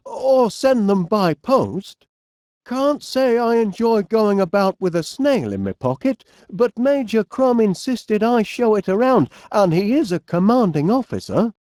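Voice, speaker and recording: This is a full character performance: a male actor pitched extremely high plays an absent-minded, fussy, cheerful middle-aged inventor from the North of England for an animated comedy game. He comes across as bumbling, hesitant, polite and chatty, captured in a dry, studio-quality recording.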